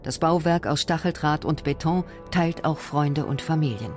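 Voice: medium pitch, moderate pace, a little mellow. Old-school news narrator, formal, music underneath. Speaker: newsreel narrator.

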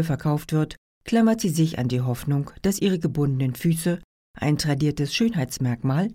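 A woman presenting books in a calm, informative, scripted narration. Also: deep voice. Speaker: book presenter. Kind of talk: scripted book review narration.

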